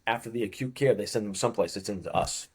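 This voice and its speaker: Here the fifty-something fitness coach from Boston talks quickly in a low, slightly rough voice. It's a relaxed interview chat, and he strays through stories with plenty of chuckles.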